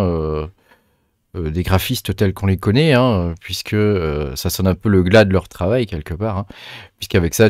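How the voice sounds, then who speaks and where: Chatty man with a low, dry voice. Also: a little mellow, no room sound. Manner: chatty, many fillers and restarts. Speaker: crypto and tech video host. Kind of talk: casual screen-share commentary.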